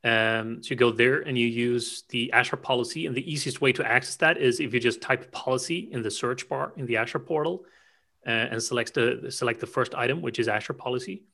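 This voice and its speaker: Bright, eager man explaining tech. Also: mid-range voice, gravelly. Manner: enthusiastic, rapid-fire explainer. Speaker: cloud security expert guest. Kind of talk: technical explanation in conversation.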